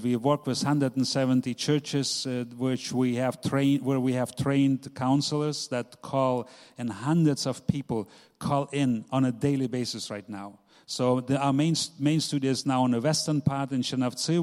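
A man's voice: medium pitch, darkish tone. Middle-aged man presenting in a reverberant hall. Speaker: radio ministry presenter. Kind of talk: informal talk with slides.

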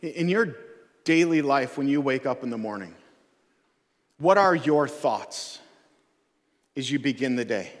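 A man's voice: medium pitch, lively intonation, a little slow, long pauses, in a large hall. A man preaching a sermon as a pastor, earnest and conversational, often repeating words and restarting his phrases.

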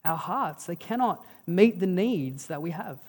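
A preacher delivering a sermon, retelling a story with dramatic pauses in a casual, conversational way. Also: medium pitch, expressive, darkish tone. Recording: long reverb of a large hall.

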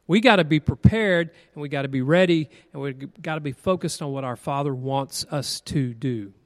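A man's voice: on the high side, moderate pace. A man, a minister leading a church class, telling folksy stories in an earnest, conversational way. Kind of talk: sermon-style storytelling. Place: church hall. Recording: reverberant church hall.

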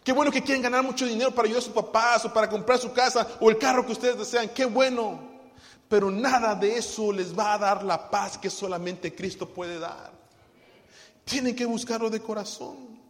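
A man's voice: high-pitched, fairly even intonation, fairly quick. A man, a pastor preaching a fervent sermon, speaking straight to the congregation. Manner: fervent, addresses the congregation directly and acts out everyday scenes. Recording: long hall reverb.

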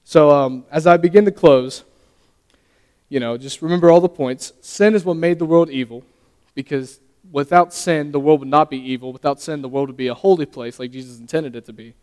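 A man's voice: on the high side, darkish tone, clear, resonant tone. Earnest young man preaching in a hall. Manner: earnest, halting, stumbles and restarts. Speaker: lay preacher. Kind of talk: sermon. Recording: long reverb of a hall.

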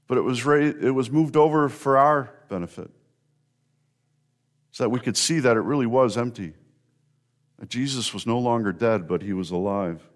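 Addressing his congregation in a sermon, a pastor speaks with a typical middle-pitched male voice. His delivery is earnest, building through emphatic repetition to drive the point home.

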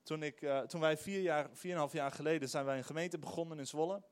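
Man, pastor, middle-aged, fairly high voice, emphatic sermon delivery, pauses to find words. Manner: animated, emphatic preaching with hesitations.

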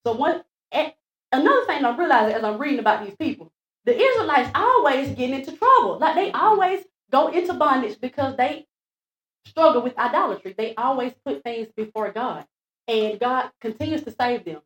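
A woman preaching in a church before the pastor, retelling Bible stories in a lively, repeating way and acting out the quotes. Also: high-pitched, moderate pace. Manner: lively, repeats phrases, acts out quotes, laughs at herself. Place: church sanctuary. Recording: echoey church room.

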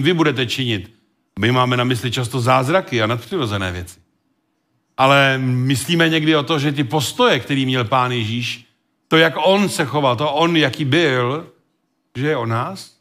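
A man preaching a sermon and reading from the Bible, with a measured, halting delivery full of pauses and hesitations, and an occasional cough. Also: mid-range voice, fairly bright tone.

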